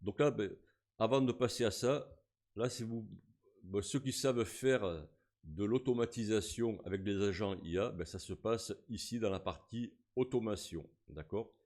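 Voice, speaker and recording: Man, lowish voice, casual tutorial narration, filler-heavy step-by-step. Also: moderate pace, a little mellow. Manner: casual, talks through each click with fillers. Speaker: tutorial host. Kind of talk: screen-recorded software tutorial.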